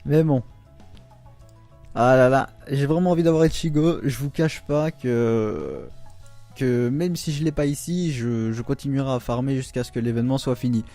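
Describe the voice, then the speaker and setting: A man giving casual commentary on his game pulls, excitable and groaning aloud whenever the luck turns against him. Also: medium pitch, moderate pace, faint music behind. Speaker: gaming YouTuber.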